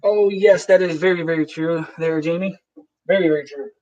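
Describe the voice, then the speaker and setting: High-voiced man rambling on a lo-fi stream. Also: steady tone, normal speed, darkish tone. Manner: rambling, profane, with frequent restarts. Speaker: live-stream host. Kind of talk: casual live-stream chat. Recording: dull lo-fi sound.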